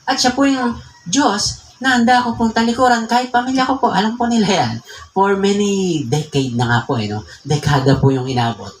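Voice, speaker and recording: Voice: mid-range voice, slight background noise. A preacher from the Philippines delivering an emphatic sermon in a church, drawing out the words when reading scripture aloud. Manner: emphatic, slows down to read scripture verses aloud. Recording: echoey church room.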